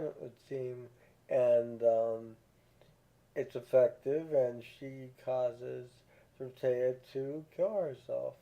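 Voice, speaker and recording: A man speaks in an unhurried, halting way as he reviews a series, often stopping on filler sounds and restarting words. His voice sits at an ordinary middle pitch. The sound is narrow and tinny, as if heard over a phone line. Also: vocal fry. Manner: slow and halting, many ums and restarts. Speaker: show reviewer. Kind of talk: casual spoken review.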